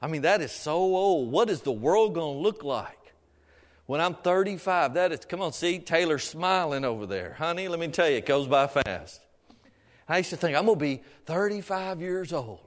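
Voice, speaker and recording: In a large, echoing hall, a middle-aged preacher delivers a sermon in a high-pitched, expressive voice at a moderate pace. He urges the congregation on in colloquial, folksy language, punctuating his points with amens and questions to them.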